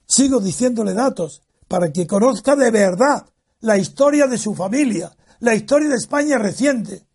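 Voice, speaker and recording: A man's voice: high voice, moderate pace, slightly rough. An older man being interviewed, telling a long personal anecdote and acting out the voices of the people in it. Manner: animated, acts out quoted voices. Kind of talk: storytelling recollection.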